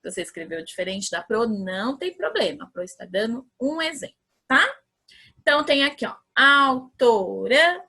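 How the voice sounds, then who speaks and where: Lively, bright-voiced Brazilian woman teacher. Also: a little high, slightly rough. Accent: Brazilian Portuguese. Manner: patient, encouraging, sounds out syllables slowly; checks in often with the children. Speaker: primary school teacher. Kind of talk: remote lesson for young children.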